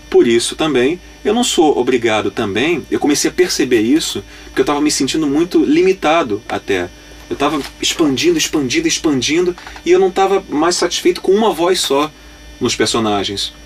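An animated Brazilian man, a dubbing voice actor, talks casually in an interview with a slightly high, very lively voice. He acts out his stories with quick changes of voice, and a faint electrical hum sits behind him. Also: recorded from a distance. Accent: Brazilian Portuguese.

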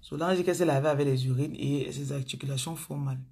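Over a phone stream, a Cameroonian-accented woman preaches chattily to her audience as a spiritual coach, her voice often sinking to low murmurs and whispers. She talks fast, and her deeply husky, breathy voice has a mellow quality.

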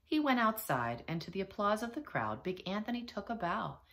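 A teacher reading a children's picture book aloud, with expressive storytelling. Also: female voice, medium pitch, normal speed. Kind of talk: children's read-aloud narration.

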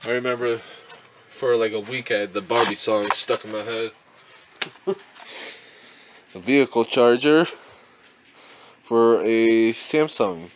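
Young male reseller, unhurried, mid-pitched, muses aloud with soft laughs. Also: slight background noise. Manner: relaxed, chuckles often, thinks aloud. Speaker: reseller vlogger. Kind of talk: casual unboxing commentary.

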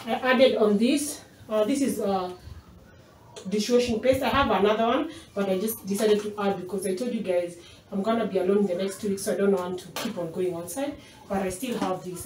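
A woman's voice: mid-range voice, darkish tone, recorded from a distance. A Kenyan woman in her thirties chatting casually as she unpacks groceries in a small home kitchen, moving around away from the camera. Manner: chatty, unpacking items while talking, drifting from the camera. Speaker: mom vlogger. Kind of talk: casual grocery haul vlog. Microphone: camera mic from across the room. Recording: echoey kitchen, off-mic, noisy.

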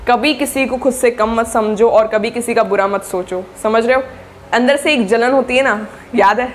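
Chatty encouraging young woman, fairly high. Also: moderate pace, slight background noise. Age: young adult. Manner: chatty and encouraging, with frequent check-ins to the listener. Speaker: study-tips YouTuber for board exam students. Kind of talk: casual spoken study coaching to camera.

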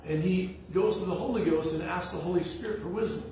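This pastor talks fast, his high voice warm, as he delivers a sermon full of blunt, folksy stories. The sound comes from far away in an echoey church sanctuary, with slight background noise.

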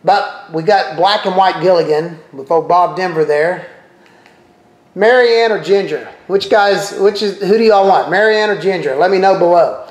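Speaking at a moderate pace in a high-pitched voice, this middle-aged presenter casually walks viewers through a TV streaming service. He clicks around while thinking aloud and chatting in asides, and the room echoes noticeably.

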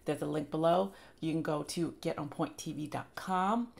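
Woman, reaction host, gushing, somewhat low voice, hoarse from losing it. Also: moderate pace, a little mellow. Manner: enthusiastic, gushing praise. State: losing her voice, clearing throat. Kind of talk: casual reaction commentary.

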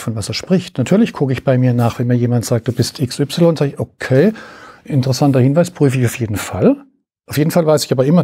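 Husky, mellow-voiced man. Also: on the high side. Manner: acts out dialogues in quoted voices. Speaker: coach and interview guest. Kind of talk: relaxed conversational interview.

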